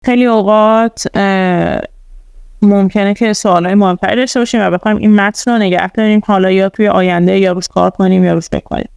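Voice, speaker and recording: A woman's voice: mid-range voice, fairly even intonation, gravelly, a little mellow, smooth, dry recording, lo-fi sound. A woman presenting a casual tutorial. She explains things step by step, with many fillers. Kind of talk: casual screen-recorded tutorial.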